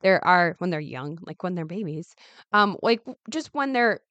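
A woman hosting a casual solo podcast, chatty and self-correcting, with a raspy, slightly gravelly voice, hoarse from a lingering cold. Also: fairly low pitch, animated, moderate pace, fairly bright tone, no room sound, highs cut off. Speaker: podcast host.

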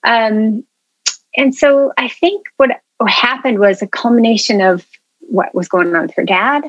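As an interview guest, a food media founder shares her story earnestly and chattily, peppering it with ums and you-knows. Her voice is a little high and measured, and the recording has no echo but sounds muffled.

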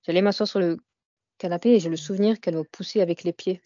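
A woman's voice: fairly low pitch, steady tone, fast, warm tone, dry recording, muffled recording. A young woman as an interview guest, talking casually and hesitantly, with many fillers and "you know" tags. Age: young adult.

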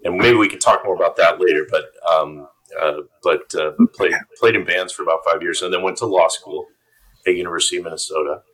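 A man's voice: low voice, steady tone, a little fast, fairly bright tone, rough recording. A man in his fifties from upstate New York, a podcast guest chatting casually and self-deprecatingly about his life. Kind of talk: casual interview chat.

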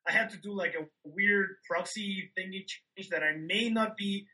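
A podcast co-host, recorded on a remote call microphone, chats casually in a high, bright, forceful voice at normal speed. His stories are loose and rambling, laid-back and full of "like." The recording quality is low.

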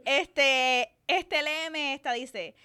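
A woman's voice: high voice, extremely slow, bright, forceful tone, dry recording. A young woman with a Puerto Rican Spanish accent co-hosting a podcast, telling candid stories with laughs, a little tipsy. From Puerto Rico. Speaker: podcast co-host. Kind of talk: casual chat.

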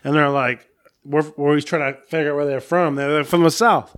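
An excitable American man sharing road-trip stories on a podcast, laughing as he goes. His voice sits a little high. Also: brisk, clean tone. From United States. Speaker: podcast co-host. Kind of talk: casual chat.

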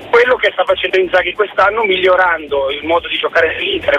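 A man calling in to a sports radio show over a phone line, thinking aloud and pausing with fillers as he frames his question. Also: on the high side, sharp tone. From northern Italy. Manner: thoughtful, searching for words with fillers. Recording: muffled phone line with faint noise.

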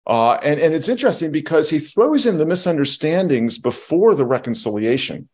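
A man's voice: fairly high pitch, sing-song, a little fast, darkish tone, slightly rough. A man co-hosting a film podcast, talking through a movie in an explanatory, thoughtful way, with frequent restarts. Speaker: podcast co-host. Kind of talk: casual film discussion.

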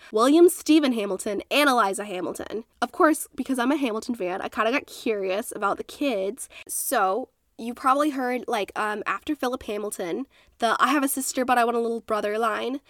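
A congested woman with a slightly high, somewhat bright voice co-hosts a casual history podcast, telling stories in a playful, chatty way packed with fillers. She records in a small home closet on a makeshift setup, and the sound is clean and studio-like with no room echo.

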